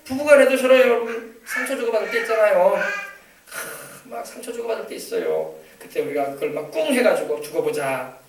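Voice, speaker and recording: High-voiced preacher man in an echoey church. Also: brisk, noisy background. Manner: exhorting, prompting the congregation for amens; repeats phrases for emphasis, laughs at times. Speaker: pastor. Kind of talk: sermon. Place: church sanctuary. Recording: echoey church hall from far off.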